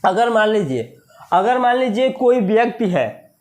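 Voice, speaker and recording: A man with an Indian accent teaching a maths lesson for exam preparation, repeating key words slowly and asking the class questions. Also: sits high, very animated, a little mellow. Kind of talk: exam-prep video lesson.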